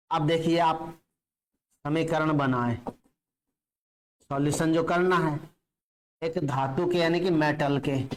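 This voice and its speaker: A male chemistry teacher giving a classroom lecture, explaining step by step and often checking that students follow. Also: on the high side.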